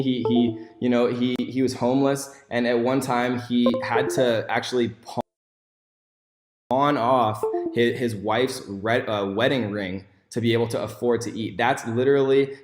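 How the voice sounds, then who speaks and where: A man giving a course sales pitch, enthusiastic and full of fillers and restarts. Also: roomy sound. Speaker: online course instructor.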